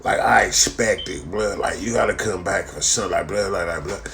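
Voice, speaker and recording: A man's voice: sits low, fairly quick, gravelly, fairly bright tone, a little hiss or hum. A man hosting a live stream, ranting casually to viewers with heavy swearing and a slang tag repeated at the end of his lines. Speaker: live-stream host reading chat comments. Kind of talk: casual profane rant to viewers.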